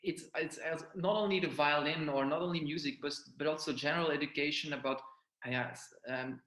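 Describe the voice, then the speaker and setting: A young man from Belgium, a violinist, answering interview questions in a hesitant, halting way with many restarts. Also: fairly high pitch, fairly even intonation, a bit bright. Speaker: violinist guest. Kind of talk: interview conversation. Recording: roomy echo.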